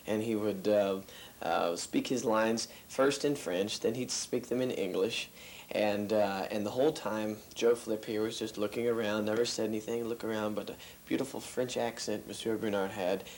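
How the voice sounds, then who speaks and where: A man guiding through a museum, telling stories in a relaxed way with many fillers. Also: on the low side, slight background noise. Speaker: museum guide.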